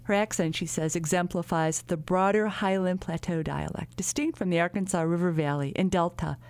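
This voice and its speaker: A woman's voice: lowish voice, fairly even intonation, normal speed, darkish tone, dry recording. A woman radio reporter reading scripted narration for a feature story.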